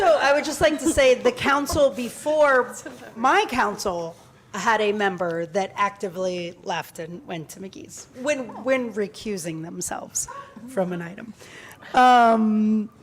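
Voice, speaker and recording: A woman with a high voice chairs a city commission meeting. She keeps things light and joking while she moves through the agenda items.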